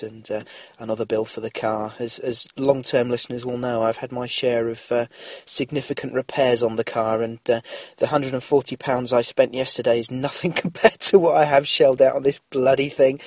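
A middle-aged Englishman hosts a casual solo podcast from a small car-based mobile studio, his mid-range voice darkish in tone, slightly nasal from a cold, with no room sound. He's chatty and rambling, full of fillers and restarts.

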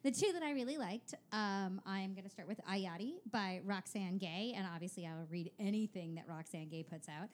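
A woman's voice: mid-range voice, normal speed, hardly any pauses. A woman co-hosting a podcast in casual chat, wordy and informal, with some swearing. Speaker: podcast co-host.

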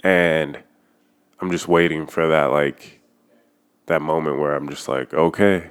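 Very deep-voiced man, casual and candid. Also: fairly even intonation, a little slow, clear, resonant tone. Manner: loose and candid, heavy use of "like", swears freely. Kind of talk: casual personal chat.

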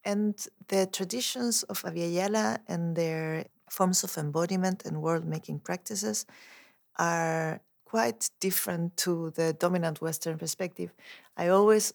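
A woman talks in an unhurried, reflective way, pausing to find her words. Her voice sits a little low and carries a gravelly fry. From Chile. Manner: thoughtful, searching for words. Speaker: dance artist. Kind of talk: reflective interview monologue.

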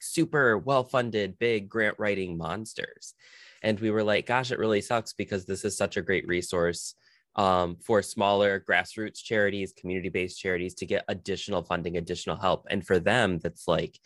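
A man's voice: on the low side, fairly bright tone, no room sound, clean studio sound. A young man talking casually as a guest in an interview, chatty and full of fillers. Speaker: podcast guest, nonprofit founder.

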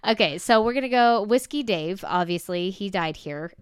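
Chatty Southern woman, smooth voice. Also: mid-range voice, lively intonation, dry recording, clean studio sound. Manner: chatty, laughs often, quick asides. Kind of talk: casual chat.

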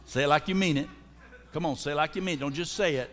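Speaking fast in a voice that is a little high and a bit bright, a male pastor delivers a humorous sermon, calling out to his congregation. The sanctuary's long reverb echoes around him.

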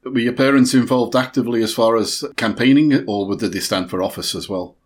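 A man hosting a podcast interview, putting courteous, measured questions to his guest. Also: medium pitch.

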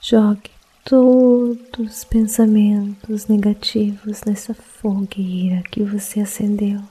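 Hushed, very slow woman, breathy and dark. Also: mid-range voice. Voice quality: soft, breathy. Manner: hushed, calming night-time delivery, partly whispered. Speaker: meditation guide. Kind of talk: guided sleep meditation.

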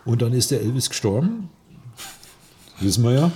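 A man's voice: medium pitch, very animated, normal speed, mellow, slight background noise. A man in casual conversation as a podcast co-host, rambling and joking between asides. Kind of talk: casual chat.

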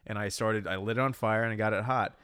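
A man's voice: on the low side, steady tone, fast talker, fairly bright tone, smooth, no echo, studio quality. A man in his thirties chatting casually as a podcast co-host, rambling and joking crudely with lots of restarts. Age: 30s. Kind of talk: casual chat.

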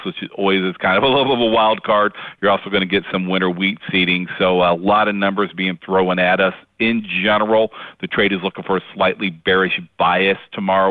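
A man giving market commentary over the phone, talking casually with fillers and quick restarts. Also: sits low, no echo. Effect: heard over the phone. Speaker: grain market analyst. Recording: tinny dry phone line.

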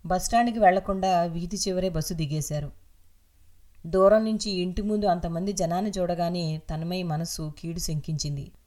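A woman narrating a serialized audio novel in a steady, measured reading voice. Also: on the low side.

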